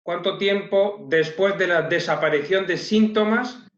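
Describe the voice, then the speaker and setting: Male webinar moderator, calm, fairly high voice, in an echoey room. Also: a little slow, lo-fi sound. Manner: calm, brief acknowledgements. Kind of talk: reading out audience questions.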